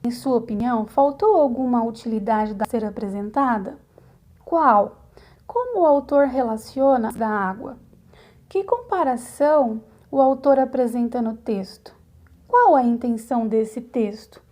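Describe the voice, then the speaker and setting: A Brazilian woman teaching a recorded lesson to children, her voice pitched high and bright. She takes her time, explaining each task patiently and checking in with her pupils as she goes. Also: measured pace. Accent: Brazilian Portuguese. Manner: patient, explains step by step with frequent "né?" and "tá?". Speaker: primary school teacher.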